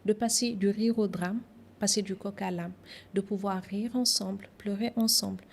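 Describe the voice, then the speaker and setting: A woman from Senegal, a guest on a podcast interview, speaking in a reflective, measured way with some hesitations. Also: medium pitch, fairly even intonation, creaky, darkish tone, a little hiss or hum.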